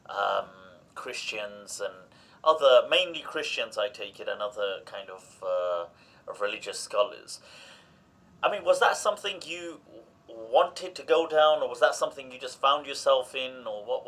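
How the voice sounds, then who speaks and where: A man's voice: mid-range voice, lively intonation, unhurried, a bit bright. A man hosting a podcast, asking long, rambling questions with many fillers. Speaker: podcast host. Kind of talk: conversational interview.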